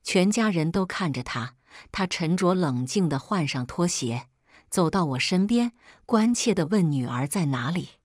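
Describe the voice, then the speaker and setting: A woman narrating a first-person family story in a steady, firm reading voice. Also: on the low side, measured pace, no room sound, clean studio sound.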